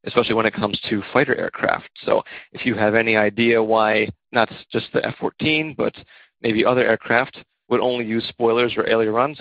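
A man's voice: on the low side, creaky, dry recording. A man from Maryland leaving a polite, curious voicemail question for a podcast. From Maryland, USA. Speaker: caller. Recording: dry, dull lo-fi phone message.

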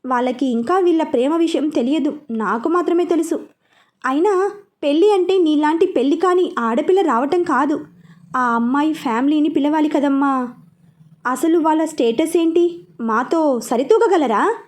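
A woman's voice: sits high, moderate pace, a little mellow, natural voice. A woman voicing a middle-aged, status-proud father in a storybook reading, blunt and firm. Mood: haughty. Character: stern wealthy father, middle-aged man.

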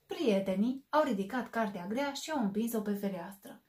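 A woman reads a children's storybook aloud with an expressive delivery, lingering on words. Her voice sits a little high for a woman. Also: slight background noise.

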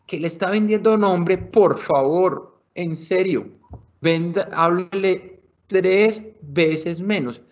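A man with a Colombian accent giving a lively online sales workshop, shifting his volume and speed for emphasis and calling his audience muchachos. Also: high-pitched. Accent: Colombian Spanish. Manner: animated, varies loudness and speed for emphasis; colloquial, addresses audience as muchachos. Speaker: sales trainer. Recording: somewhat dull lo-fi video call audio.

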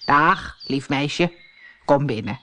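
A woman voicing a kindly old woman with a hoarse voice in a storybook tale, speaking gently and reassuringly. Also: deep voice, takes it slowly, pitched below the performer's own voice, full character voice. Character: ugly old woman, kindly magical housekeeper. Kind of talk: storybook character voice.

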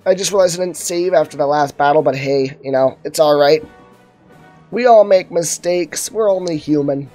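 A man's voice: a little high, normal speed, warm tone, faint music behind. A young man doing casual let's-play commentary, thinking aloud and muttering asides to himself. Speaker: gaming video host.

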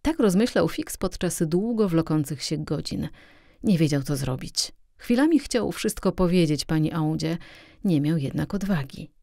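Woman reading an audiobook, low warm voice, steady and expressive, dry close mic. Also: normal speed, creaky, no echo. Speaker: audiobook reader. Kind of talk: audiobook narration.

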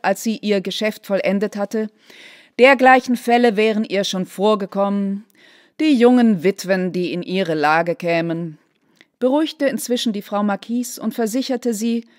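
A woman actress giving a measured, dramatic reading of a classic novella with formal diction. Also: medium pitch, a little mellow, dry recording, studio quality.

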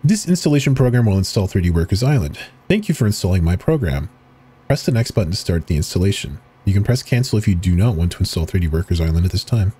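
Narrating a horror game video, a man reads web pages and installer text aloud in a dramatic way, tossing in quick casual asides as he clicks along. His voice sits low and dark, and he talks fast and expressively over a faint hiss or hum.

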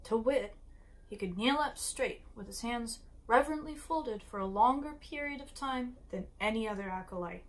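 A woman reads a novel aloud at a steady, unhurried pace. She stumbles on a word now and then and restarts it. She sometimes steps out of the text for a quick aside to the listener. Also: on the high side, rough recording. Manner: occasional slips and restarts, brief asides. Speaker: reader.

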